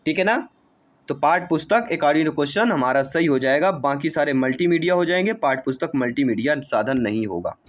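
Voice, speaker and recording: A male coaching teacher works through exam questions, quizzing his listeners with rhetorical questions and repeating the answers. His voice sits a bit higher than most men's. He keeps calling the audience dear friends. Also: animated, fairly quick. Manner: addresses listeners warmly as dear friends and brother. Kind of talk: exam-prep lesson.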